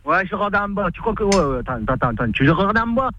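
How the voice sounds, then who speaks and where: Brief: high-voiced, angry Corsican man who swears and threatens nonstop, heard over a muffled phone. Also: sing-song, fast, sharp tone, slight background noise. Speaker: prank call target. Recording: dull muffled phone line.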